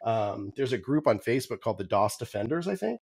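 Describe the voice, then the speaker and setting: A man co-hosting a podcast, chatting casually with frequent ums and restarts, his voice going hoarse. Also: medium pitch, sing-song, a little fast, a little mellow, no echo. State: losing his voice. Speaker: podcast co-host. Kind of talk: casual chat.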